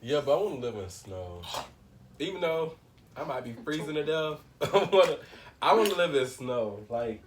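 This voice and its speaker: A man's voice: fairly high pitch, very animated, moderate pace. A man talking casually and colloquially while eating and chewing, in a mukbang question-and-answer chat. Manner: informal, colloquial. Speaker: mukbang co-host. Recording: slightly distant mic, noisy background.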